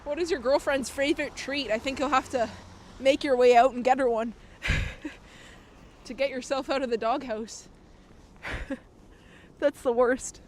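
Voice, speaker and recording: This woman's high-pitched voice is steady and darkish, moving at a measured pace with frequent pauses, and a little hiss or hum is audible. She's an IRL streamer outdoors on city streets at night, chatting through viewer comments and laughing often, slightly nasal from a cold she's recovering from.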